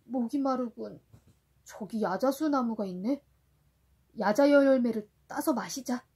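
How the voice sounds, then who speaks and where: A woman voicing a bold, excitable male sailor adventurer, dramatic and exclamatory, while reading a storybook to a toddler. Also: fairly high pitch, unhurried, slightly rough. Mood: curious.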